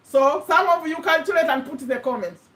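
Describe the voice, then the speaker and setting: Speaking a little fast in a high, slightly bright voice, a woman in her fifties who is originally from Uganda vlogs casually to camera from the USA. She wanders in her talk, earnestly fixing her own words along the way.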